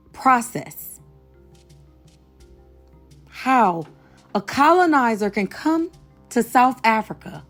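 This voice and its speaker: A woman from the United States hosting an online show, giving impassioned commentary to camera, emphatic and outraged, repeating phrases for stress. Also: a little high.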